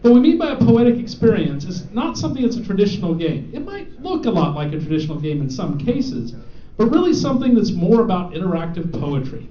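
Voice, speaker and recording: A man presenting student game awards to a live audience, joking and teasing as he reads out the winners. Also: high voice. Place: event hall with an audience. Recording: echoey, dull hall recording.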